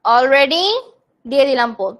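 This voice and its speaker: A woman's voice: sits high, unhurried, fairly bright tone. A young woman from Bangladesh teaching a live online grammar class, explaining terms and answering students' chat questions.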